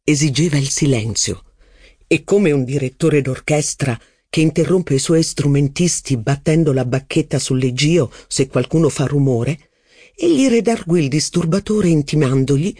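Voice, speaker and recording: A man narrating a literary novel as an audiobook, reading long sentences in an even, measured way. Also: on the high side, breathy edge, no room sound, clean studio sound.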